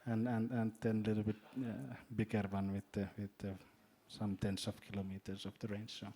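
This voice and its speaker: A man from Finland with a Finnish accent, speaking as a panelist in a hesitant way, often repeating words and filling pauses. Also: on the low side, monotone, warm tone. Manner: halting, repeats words, many fillers. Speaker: panelist, drone company executive. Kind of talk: panel discussion.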